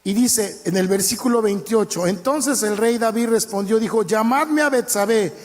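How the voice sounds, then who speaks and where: A man preaches in a church, retelling scripture as a lively story. His voice sits high for a man. He slips into the characters' lines with plenty of animation. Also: normal speed. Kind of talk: sermon.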